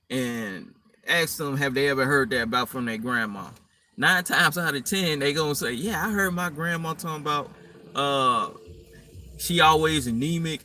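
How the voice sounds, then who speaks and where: A man's voice: medium pitch, pushed and bright. A man giving blunt, profane, rambling advice in casual slang, talking directly to his viewers. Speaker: dating and fitness vlogger. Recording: distant mic with faint room noise.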